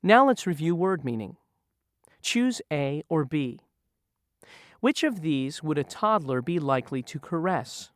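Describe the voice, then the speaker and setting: This quiz reviewer speaks unhurriedly in a sing-song, mid-range voice, posing slow, scripted questions about word meanings to learners with teacherly patience. The studio recording is clean and dry.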